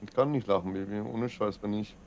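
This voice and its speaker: Young man streamer, gravelly low voice, mumbly casual chat over faint hiss. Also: a little fast, a little mellow. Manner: mumbling, retells messages. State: bleeding gums, swallowing blood. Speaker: gaming streamer.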